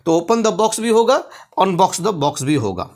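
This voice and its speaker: A man's voice: high voice, sing-song, slow pace. A man teaching English vocabulary in a Hindi-medium lesson. He spells words out letter by letter, repeats phrases, and asks questions before answering them himself.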